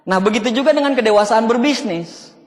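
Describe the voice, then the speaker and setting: High-voiced man speaking in a reverberant hall. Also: a little fast. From Indonesia. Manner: asks the audience for agreement, mixes casual and formal speech. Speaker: motivational speaker. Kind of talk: motivational seminar talk.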